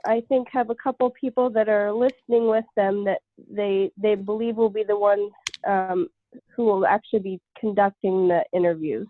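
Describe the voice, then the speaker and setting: A woman's voice: medium pitch, steady tone, slight background noise. Nasal woman with a head cold. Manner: halting, with many pauses. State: congested with a cold. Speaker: call facilitator. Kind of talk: conference call chat. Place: at home. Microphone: iPad on a call. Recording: dry, tinny phone-like call line.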